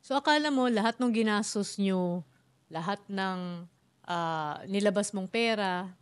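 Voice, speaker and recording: A woman's voice: medium pitch, a little slow, clean tone, no room sound. A woman hosting a health talk show, asking her guest questions and summing up her answers.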